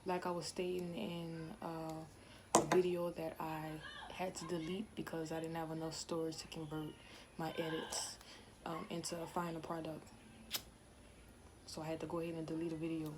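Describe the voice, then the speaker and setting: A woman's voice: low voice, monotone, normal speed, noisy background. A woman, chatting casually and rambling to camera in a home vlog. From Louisiana, USA. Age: 20s. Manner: rambling, chatty, self-focused asides. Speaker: vlogger. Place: home, indoors.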